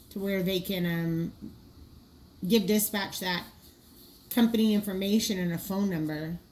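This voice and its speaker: A woman trainer in a mid-range voice walks through draft dispatcher training cards, and the audio carries a bit of hiss or hum. Her manner is informal and explanatory, practical, and frequently she thinks aloud.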